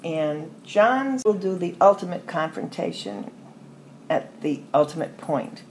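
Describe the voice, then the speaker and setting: An older American woman, a podcast interview guest, telling long rambling stories with soft trailing asides. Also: on the low side, lively intonation, measured pace. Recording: roomy echo with faint ambient noise.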